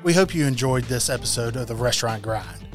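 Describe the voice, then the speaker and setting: A man's voice: mid-range voice, animated, a little fast. A man hosting a podcast, giving an upbeat scripted sign-off at the end of an episode. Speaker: podcast host. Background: music.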